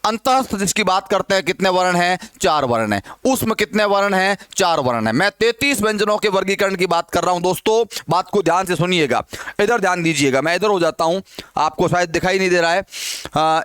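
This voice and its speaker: A man's voice: high voice, lively intonation, brisk, fairly bright tone, smooth, no echo, clean studio sound. A middle-aged man teaching a Hindi grammar lesson, asking questions and answering them himself.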